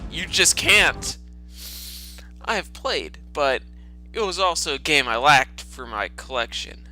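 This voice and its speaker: Soft music plays beneath a slightly high, animated male voice that's slow, pushed, and bright. The man hosts a storytime reading series and delivers a sarcastic, profane dramatic reading with exasperated asides, his throat roughened by a lingering cough.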